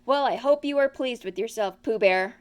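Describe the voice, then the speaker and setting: A woman's voice: a little high, normal speed, clear, resonant tone, lightly acted. A woman voicing a fussy, self-important male rabbit who scolds and lectures in a children's storybook. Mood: indignant scolding.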